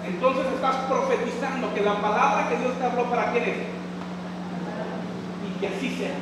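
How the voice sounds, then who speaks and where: Echoey high-voiced pastor preaching in a hall. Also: male voice, fairly even intonation, moderate pace, very noisy. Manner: rousing, calls to the congregation. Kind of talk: sermon. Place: large church hall. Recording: echoey hall, far from mic. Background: congregation shouting amen.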